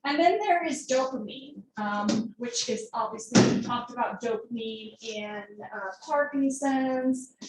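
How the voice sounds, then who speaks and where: A woman's voice: fairly high pitch, a little slow, hardly any pauses, very noisy. Woman, nursing instructor, casual lecture style, fillers and asides, roomy distant classroom recording. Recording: roomy classroom audio from far off.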